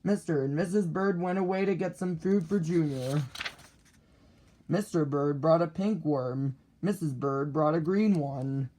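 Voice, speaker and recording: Slow, deliberate man reading a picture book. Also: on the high side, dark tone. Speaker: storybook reader. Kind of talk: reading a children's book aloud.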